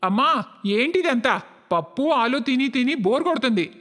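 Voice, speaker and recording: A woman's voice: high-pitched, expressive, normal speed, a bit bright, in a large hall. A woman voicing a fed-up adult son who grumbles in a cartoon story. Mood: grumbling.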